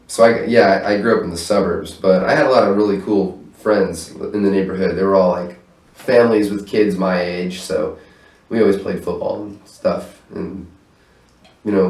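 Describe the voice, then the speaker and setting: Interviewed casually in his apartment room, a stage manager speaks at normal speed in a low, slightly mellow voice with fairly even intonation. He curses easily and laughs often, and the recording is echoey with the mic set far from him.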